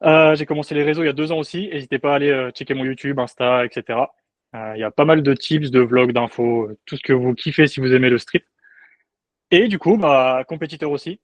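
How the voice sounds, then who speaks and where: A man's voice: medium pitch, fast talker, no echo. A young adult man, a guest coach, chatting in a laid-back, joking way on a podcast. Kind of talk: casual podcast chat.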